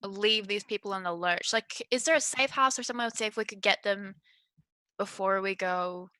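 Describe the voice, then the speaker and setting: A woman playing a tabletop game, bantering casually in and out of character with exclamatory, animated delivery. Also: medium pitch, normal speed, no room sound.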